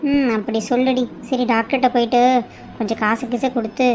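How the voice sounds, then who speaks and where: A woman's voice: a little high, fairly even intonation, brisk, a little mellow, lightly acted. A woman voicing a scheming, bossy mother in a cartoon, lecturing and insistent. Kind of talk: cartoon voice acting.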